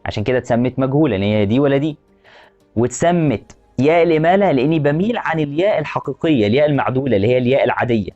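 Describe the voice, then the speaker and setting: A man with an Egyptian Arabic accent teaching a language lesson, repeating example words slowly and asking the viewer questions. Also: medium pitch, warm tone, dull audio, soft background music. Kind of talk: explanatory lesson.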